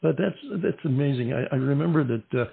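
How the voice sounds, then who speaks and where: This male radio show host, who has lived in Southern California, conducts a phone-line interview with a musician, his questions long, winding, formal, and courteous. He talks briskly in a mid-range voice that's gravelly with a breathy edge. The audio has a tinny phone quality.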